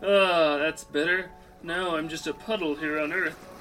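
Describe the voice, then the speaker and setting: A goofy, well-meaning blob of a superhero, as a man puts him on, announcing his powers with dopey earnestness. The voice sits high and bright. Soft music plays under the comic radio-play scene. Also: steady tone, measured pace, rough recording. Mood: chatty. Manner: earnest, dopey, heroic declarations. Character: goofy blob superhero, shapeshifting, dim and cheerful. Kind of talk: comedic audio drama acting.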